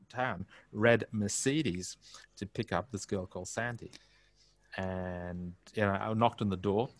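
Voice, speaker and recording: A deep, slightly bright voice with no echo comes from a man in his fifties, from India but with an Australian accent. As an interview guest on a video call, he uses a headset in his home study and tells his life story candidly and reflectively, with frequent restarts and filler phrases.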